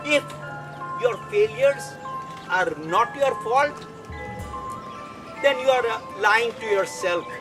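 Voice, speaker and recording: A mystical gatekeeper acted by a man in a comic live show, speaking slowly and high with grandiose earnestness. Music plays loudly behind him. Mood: grand, mystical. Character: mystical gatekeeper of the veil, dim-witted fortune teller. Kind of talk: improvised comic live performance.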